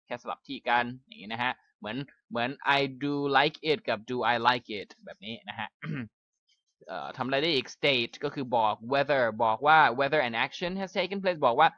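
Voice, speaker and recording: A man with a Thai accent, a native Thai speaker, reads a passage aloud slowly and carefully, then explains it in a quick, chatty way as an English teacher. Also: mid-range voice, a bit bright, no echo. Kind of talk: reading aloud and explaining in a lesson. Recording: slightly dull, dry recording.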